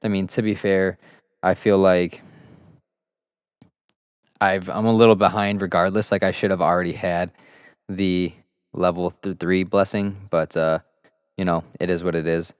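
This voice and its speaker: A man's voice: sits low, flat delivery, a little slow, pauses often, clean tone, no room sound, clean studio sound. A man talking casually over his gameplay footage, laid-back and rambling, swearing freely as he recounts his game. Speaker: gaming channel host.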